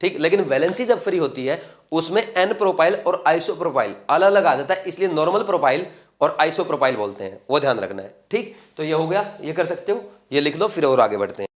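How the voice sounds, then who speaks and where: A male chemistry teacher with a somewhat high voice leads a class, working through the material step by step. He speaks with English technical terms mixed in and keeps pausing to ask whether the students have understood. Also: sing-song. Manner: explains step by step, often checking if students follow. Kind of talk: classroom lecture at a board.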